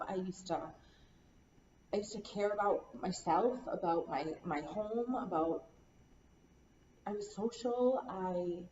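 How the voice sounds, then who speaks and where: A woman playing a counseling client, talking in a halting, weary, despondent way and repeating herself. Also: on the low side, darkish tone. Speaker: role-play client in a counseling practice session. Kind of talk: acted counseling role-play. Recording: echoey room, distant dull mic, faint hiss.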